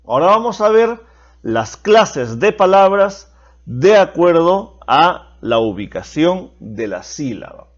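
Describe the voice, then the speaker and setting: A man with a fairly high, animated voice gives a slow, patient lesson, repeating key points so students follow. The recording sounds dull and lo-fi. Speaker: teacher.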